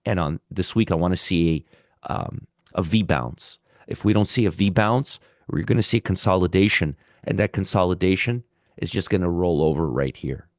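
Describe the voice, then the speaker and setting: A man's voice: low voice, moderate pace, dry recording, studio quality. A man hosting a live market commentary show, feeling sick with a sore throat, explaining conversationally and repeating his points. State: under the weather, sore throat. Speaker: host of a live pre-market trading show.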